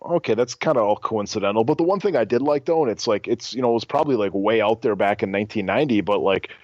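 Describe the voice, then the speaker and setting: A man's voice: on the low side, quick pace, no room sound, muffled recording. A man co-hosting a podcast, chatting casually about a film and rambling with lots of fillers. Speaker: podcast co-host. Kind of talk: casual film review chat.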